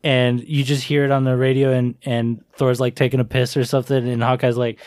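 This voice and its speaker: Dry-miked casual man, excitable. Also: mid-range voice, dry recording. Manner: excitable, jokey, quick impressions of characters. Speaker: comic book podcast co-host. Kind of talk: casual chat.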